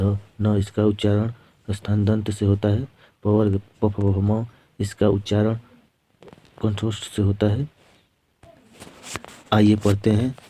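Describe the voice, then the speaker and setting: A man with a very dark, mellow voice teaches a grammar lesson. He recites letters and definitions one by one in a slow, methodical way. His pitch sits low and barely moves.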